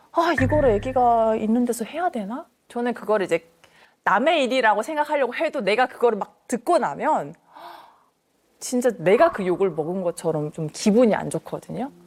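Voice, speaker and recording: Animated woman telling case stories. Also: fairly high pitch. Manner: animated, acts out quoted voices. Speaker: divorce lawyer. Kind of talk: storytelling on a talk panel.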